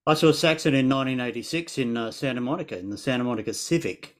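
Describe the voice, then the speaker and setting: A man's voice: mid-range voice, fast. A middle-aged Australian man hosts from a room at home over a video call, his voice sitting in a mid range. He tells stories in an easy, friendly way and keeps the talk going with frequent "yeah"s. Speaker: interview host. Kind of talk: casual interview chat.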